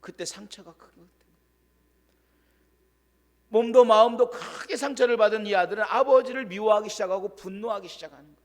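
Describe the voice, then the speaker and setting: A male pastor tells a sermon story with a high, bright-sounding voice. He tells it dramatically and sinks to a hush when quoting someone. His words ring out with a long echo through a church sanctuary. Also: a little fast, pauses often. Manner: dramatic storyteller, drops to hushed voice for quoted lines. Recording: long church-hall reverb.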